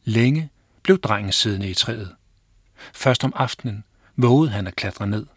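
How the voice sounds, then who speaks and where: Man, children's story narration, husky voice, lively pitch, dry close sound. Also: dry recording. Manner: calm, clear, lively storytelling. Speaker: author reading his own story.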